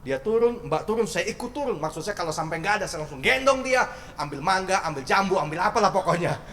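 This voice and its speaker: A man preaching as a pastor in a church sermon, talking in a lively, conversational way with rhetorical questions and jokes. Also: high-pitched, quick pace, slight background noise. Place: church sanctuary. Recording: echoey church hall with faint ambience.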